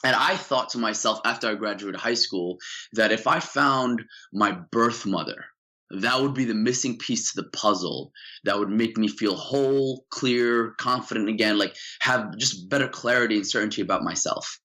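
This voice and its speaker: A man's voice: fairly low pitch, moderate pace. A young man, originally from Saudi Arabia, telling his life story as a guest in a casual interview, earnest and full of fillers. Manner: earnest, animated, many fillers. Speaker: podcast guest.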